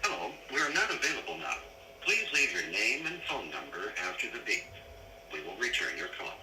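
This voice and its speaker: A man's recorded answering machine greeting, spoken as a calm, even prompt played from a cordless phone. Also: lowish voice, a little fast. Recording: roomy, far-off phone speaker with noise.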